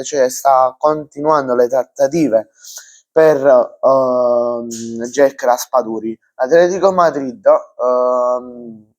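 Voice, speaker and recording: A man's voice: mid-range voice, a little mellow, poor audio. A young man giving an unscripted football transfer news rundown for his channel, full of fillers and restarts. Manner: hesitant, many fillers and restarts.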